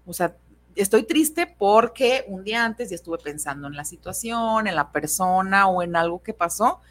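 A woman's voice: mid-range voice, moderate pace. A young adult woman with a Mexican accent, chatting expressively and openly about her feelings on a radio show. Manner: chatty, expressive, laughs easily. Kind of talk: casual radio chat.

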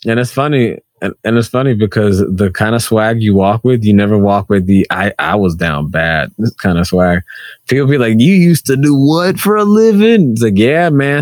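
A man's voice: lowish voice, dry recording, studio quality. A man in casual chat, telling work stories and acting out both sides of each exchange. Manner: animated storyteller, acts out both sides of conversations.

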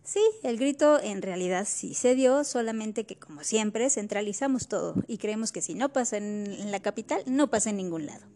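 A woman's voice: medium pitch, lively intonation, normal speed, hardly any pauses, warm tone. A woman, co-hosting a casual history chat and chiming in with questions and wry jokes. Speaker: podcast co-host.

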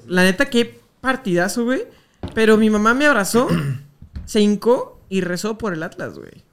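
A young podcast co-host with a Mexican accent and a mid-range voice. They talk in loose, rambling banter, full of slang and profanity, with an excitable delivery. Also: mid-range voice, moderate pace. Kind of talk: casual podcast banter about memes.

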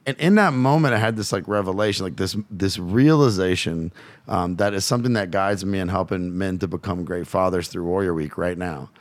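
A man's voice: low-pitched, a little fast, dry recording. A man from Louisiana, a podcast guest who coaches fathers, telling a personal story bluntly and swearing freely. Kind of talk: candid storytelling.

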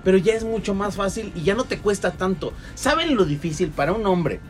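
A man's voice: sits high, expressive, a little fast, soft background music. Joking Mexican man hosting a podcast. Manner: joking, teasing. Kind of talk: casual chat.

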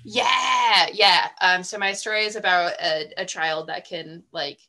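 A woman's voice: fairly low pitch, a little slow, sharp tone, a little hiss or hum. A woman chatting casually as a podcast guest, laughing often as she talks. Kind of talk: casual chat.

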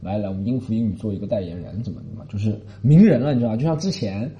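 A man from Shanghai rambles through a story in a casual podcast monologue, indignant and animated. He talks fast with a lively swinging pitch and a dark, mellow tone. The recording sounds dull and lo-fi. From Shanghai, China. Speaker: podcast host.

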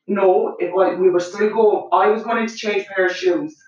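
A woman's voice: medium pitch, fairly even intonation, moderate pace, a little mellow, lo-fi sound. A middle-aged Irish woman, a guest on her daughter's show, telling a story at length with many remembered exchanges. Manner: vivid, run-on storytelling with many quoted exchanges. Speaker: guest, the host's mother. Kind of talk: emotional storytelling in casual chat. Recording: echoey room.

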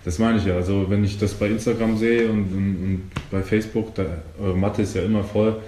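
A man interviewing a guest in a relaxed, chatty way, agreeing often and using many fillers. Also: fairly low pitch, brisk. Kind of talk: casual interview. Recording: echoey room with faint noise.

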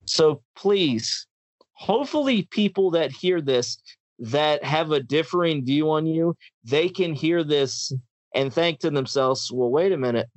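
A man's voice: a little high, animated, takes it slowly, no echo. A man hosting a podcast, ranting in a heated, impassioned way and often restarting his sentences. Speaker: podcast host. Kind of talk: casual podcast chat.

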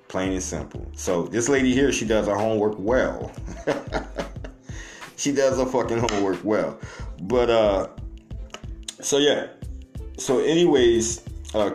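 Low male American commentator, conversational and streetwise slang, roomy echo, faint music underneath. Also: a little mellow. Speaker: online commentator. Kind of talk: casual news commentary, partly reading aloud.

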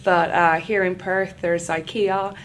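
A woman's voice: on the low side, little pitch movement, unhurried. A young woman from Sweden hosting a casual chat, talkative and laughing often. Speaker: host. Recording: faint background noise.

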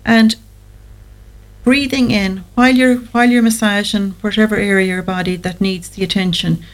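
A woman with a mid-pitched voice leads a guided breathing exercise. Her delivery is soothing and gentle, with slow, measured instructions and room left between phrases. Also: fairly even intonation. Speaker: guest anxiety therapist on a show.

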